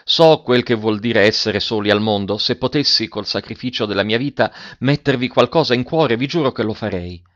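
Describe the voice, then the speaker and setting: A man reading an audiobook voices an earnest woman who pleads softly, on a dull lo-fi recording. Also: fairly low pitch, moderate pace, few pauses, natural voice. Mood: pleading. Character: pale, earnest adult woman pleading gently.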